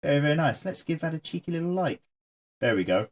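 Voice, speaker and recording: A man runs his own channel, sketching, joking, and reading viewer comments aloud in casual chat. He talks fast at a fairly high pitch with big swings.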